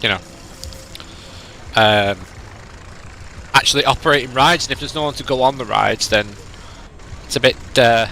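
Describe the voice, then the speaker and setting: Soft music plays behind a young man from northern England who streams a ride simulator, chatting and rambling with viewers and reading their messages aloud. His Lancashire-accented voice is medium-pitched, pushed and bright, a little nasal from a cold, with a moderate pace and long pauses.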